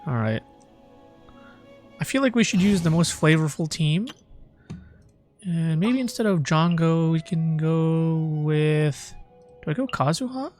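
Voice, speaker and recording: A man's voice: a little high, lively intonation, unhurried, long pauses, darkish tone, faint music behind. A man livestreaming a game, chatting casually, swearing and musing aloud about his choices.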